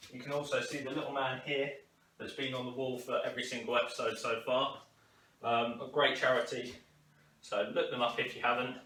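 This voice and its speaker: A man's voice: mid-range voice, pushed and bright. A man coaching a workout to camera as an instructor, encouraging people and talking them through it. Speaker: fitness instructor. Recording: roomy, distant mic, faint noise.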